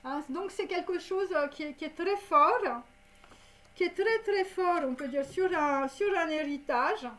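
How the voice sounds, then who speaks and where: A woman reads tarot cards in a loose, rambling way. Her voice sits high, and her talk is full of fillers and little tags at the ends of lines. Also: a little slow, fairly bright tone. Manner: rambling, many fillers and "hein". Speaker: tarot card reader. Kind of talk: casual tarot reading to camera.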